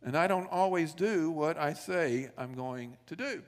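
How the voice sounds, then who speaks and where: A man's voice: on the high side, unhurried. A male pastor preaching a sermon in a church sanctuary, telling stories, asking rhetorical questions and acting out quoted dialogue. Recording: long reverb of a church sanctuary.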